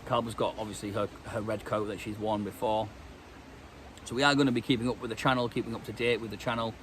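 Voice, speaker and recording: A British man with a stuffy cold chats casually in a vlog, rambling with lots of ums and restarts. He is a vlogger speaking outdoors in woodland, his voice at medium pitch with slight background noise.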